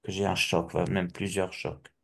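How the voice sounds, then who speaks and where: A middle-aged man from Alsace giving a personal testimony, halting and restarting often with repeated words. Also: low voice, level tone, creaky, a bit bright, breathy edge. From Alsace, France.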